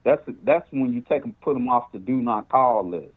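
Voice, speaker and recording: A man's voice: mid-range voice, animated, moderate pace, husky. A man who is a bishop, calling in over a cell phone speakerphone, talking in a rambling, preacherly way and quoting scripture. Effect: speakerphone on a cell phone call. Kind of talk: casual talk over the phone.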